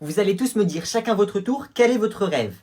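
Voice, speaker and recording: A comedian playing a female schoolteacher in a comedy sketch, speaking in a brisk, raised classroom voice. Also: mid-range voice, expressive, a little mellow, voice pushed up, natural voice. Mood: teacherly. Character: female schoolteacher asking pupils about dreams. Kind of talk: comedy sketch role-play.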